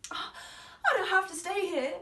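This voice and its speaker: A woman's voice: very high-pitched, expressive, slow pace, bright, forceful tone, full character voice. A woman auditioning as a restless young ranch wife who dreams of fame, eager and giggly, recorded from a distance in a roomy space. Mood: dreamy. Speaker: drama school auditionee. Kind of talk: audition monologue. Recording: roomy, from far off.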